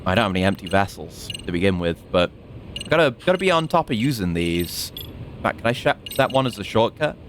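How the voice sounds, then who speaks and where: Man, game streamer, casual rambling commentary, lively varied pitch, faint noise and clicks behind. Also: fairly quick. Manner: rambling, thinking aloud.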